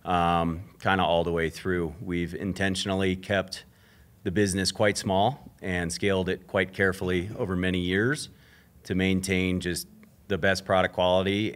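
A man with a very low, smooth and resonant voice, speaking as a guest on a live stage panel. He sounds steady and businesslike as he describes his company. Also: moderate pace. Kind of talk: panel talk. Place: stage before a live audience.

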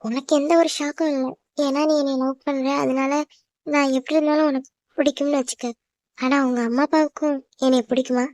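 A woman's voice: sits high, flat delivery, brisk, darkish tone, no room sound, studio quality, natural voice. A woman voicing an anxious, emotional young orphaned woman in a cartoon drama. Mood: worried. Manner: pleading, emotional.

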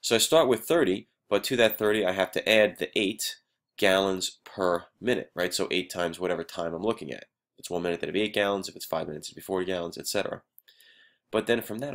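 A male teacher, feeling under the weather, recording a math lesson for his students and explaining each step patiently, often checking in with "right?". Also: sits low.

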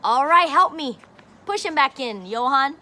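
A high-pitched, expressive woman's voice, pushed and bright, belongs to a teacher in her forties reading a picture book to a child outside. She speaks slowly and encouragingly in simple terms. The setting is a patio by a brick wall, captured by a phone camera at arm's length.

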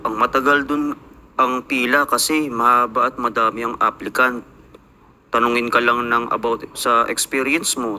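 A man's voice: medium pitch, pushed and bright, slight background noise. A young Filipino man, an overseas worker, telling his life story in a reflective, earnest voice-over. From Philippines.

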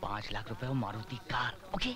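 A man's voice: medium pitch, fairly even intonation, moderate pace, bright, forceful tone, soft background music, lightly acted. An actor dubbing an arrogant rich man who bribes and threatens a police officer, in a blustering, threatening manner. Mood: scheming. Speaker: villain in a dubbed film. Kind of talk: Hindi film dubbing.

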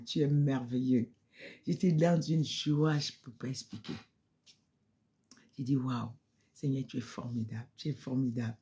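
A woman's voice: very deep voice, mellow. A woman giving an emotional spoken testimony in church, repeating phrases and sometimes dropping to a near-whisper.

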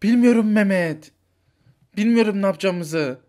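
A man's voice: high-pitched, moderate pace, darkish tone, close to an everyday voice. A man voicing a worried but firm mother in a toy figure story, insistent and scolding. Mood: exasperated.

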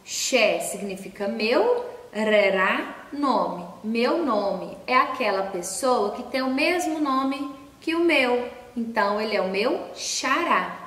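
In this recorded class for young children, a woman teacher patiently spells letters and syllables out slowly, then asks questions and answers them herself. Her voice is fairly bright and on the high side. She is distant from the mic in an echoey room.

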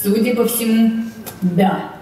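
A woman playing a small, sardonic, excitable forgotten anime character in a parody skit. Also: on the high side, slow, slight background noise. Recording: echoey hall, far off, music.

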